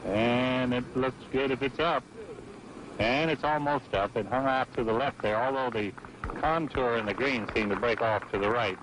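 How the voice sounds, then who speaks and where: A man's voice: mid-range voice, moderate pace. Male, golf commentator, folksy play-by-play, televised match, noisy vintage broadcast sound. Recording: noisy old broadcast audio.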